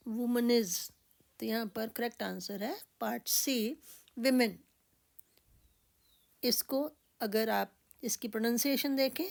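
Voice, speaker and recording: A woman with an Indian English accent teaching an exam-prep English lesson, reading out the answer options slowly and explaining each one. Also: a little high. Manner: slow explanations mixing Hindi and English, reading options aloud deliberately.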